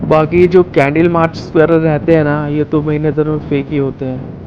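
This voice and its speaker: A man's voice: a little high, flat delivery, moderate pace, highs cut off, background noise. A man from Himachal Pradesh narrating a travel vlog in a chatty way, talking straight to his viewers. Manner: chatty, addresses viewers as guys. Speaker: travel vlogger.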